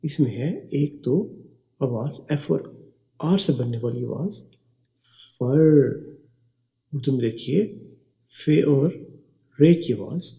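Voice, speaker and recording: A man teaching English words slowly, spelling each one letter by letter and repeating it. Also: mid-range voice, creaky, dark tone. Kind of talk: slow spelling and pronunciation lesson.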